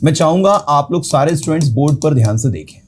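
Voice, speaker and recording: A man's voice: fairly high pitch, expressive, fast talker, a little hiss or hum. Man teaching grammar. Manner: explains in Hindi mixed with English, repeats words syllable by syllable. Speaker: English teacher. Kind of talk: classroom grammar lesson at a board.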